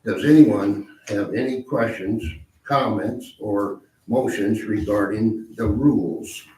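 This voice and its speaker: A hoarse, raspy man speaking formally as a mayor chairing a board meeting, reading out procedure. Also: fairly low pitch, slow, a little mellow. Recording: roomy, distant mic, faint noise.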